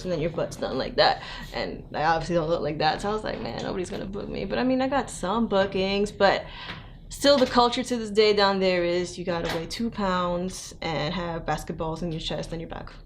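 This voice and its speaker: Being interviewed as a guest, a young model originally from New York who grew up in South Florida talks in a lowish voice at a moderate pace. She is chatty, laughs readily, and fills her speech with "like," over slight background noise.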